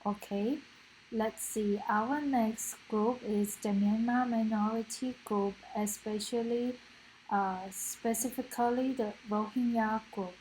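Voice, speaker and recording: A woman's voice: a little high, fairly even intonation, takes it slowly, darkish tone, poor audio. A woman lecturer giving informal commentary as she hosts student presentations. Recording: faint background noise.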